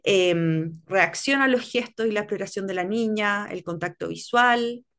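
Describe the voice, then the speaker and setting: A woman's voice: mid-range voice, moderate pace, fairly bright tone. A woman leading a teacher training workshop, explaining step by step and often checking in with her listeners. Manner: explanatory, checks in with frequent "¿cierto?". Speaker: workshop instructor. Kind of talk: online teacher training lecture.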